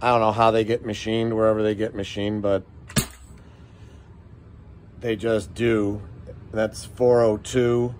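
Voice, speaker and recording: Middle-aged shop owner, slow easygoing drawl, folksy rambling demo talk. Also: male voice, on the low side, flat delivery, background noise. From United States. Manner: rambling, folksy, talks to viewers as guys. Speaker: shop owner demoing airguns. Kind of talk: casual product demo vlog.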